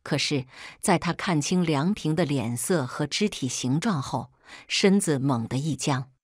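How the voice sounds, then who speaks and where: A woman narrating a first-person story in a steady, low-key scripted way. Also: a little slow, no echo, clean studio sound.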